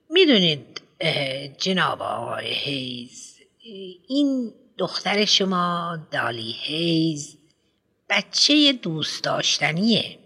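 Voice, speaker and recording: A man reading an audiobook, voicing a fussy middle-aged woman who heads a school, speaking hesitantly and full of drawn-out ums. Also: a little high, vocal fry, bright, forceful tone, breathy edge, full character voice.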